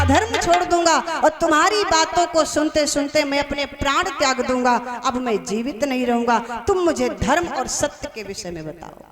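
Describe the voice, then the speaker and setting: A woman voicing a male lion who questions, baffled, and is humbled, in a devotional story told before a crowd. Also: high-pitched. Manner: questioning, bewildered. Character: fierce lion softened by truth, male. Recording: live crowd noise behind.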